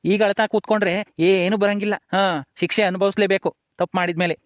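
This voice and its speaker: A man playing a flat, blunt police constable. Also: sits high, fast, no room sound, studio quality, close to an everyday voice. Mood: firm. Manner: matter-of-fact, laying down rules. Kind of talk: village family drama acting.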